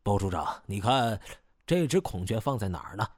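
A man voicing an effusive, flattering male owner of a temple courtyard. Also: on the low side, normal speed, husky, no echo, studio quality.

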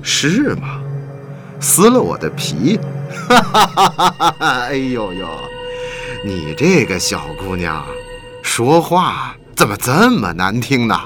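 A man's voice: medium pitch, huge pitch swings, slow. A man voicing a sneering, greedy kidnapper who mocks his captive with jeering laughs, over background music. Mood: gloating.

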